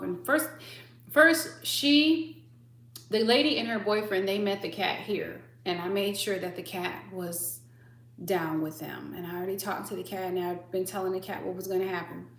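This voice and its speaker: A woman hosting a livestream, chatting casually and telling stories animatedly, acting out voices as she goes. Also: mid-range voice. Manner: animated storyteller who acts out voices. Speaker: livestream host. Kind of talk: casual chat. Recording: echoey room with faint hum.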